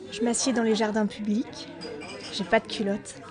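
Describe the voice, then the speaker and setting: An actress playing a sensual woman who whispers her desires in a breathy, hushed voice, in whispered role-play. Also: mid-range voice, little pitch movement, moderate pace, crowd noise, natural voice.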